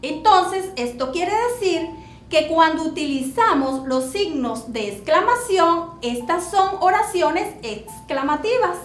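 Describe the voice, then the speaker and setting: A woman teacher explaining punctuation to children in a slow, deliberate classroom manner. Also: very high voice, lively intonation. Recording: echoey room with faint music.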